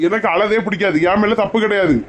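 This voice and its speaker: A man's voice: high voice, fast talker, a little hiss or hum. A man with a Kanyakumari Tamil accent playing a quarrelsome husband in a comic skit, scolding and arguing. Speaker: comedy skit actor.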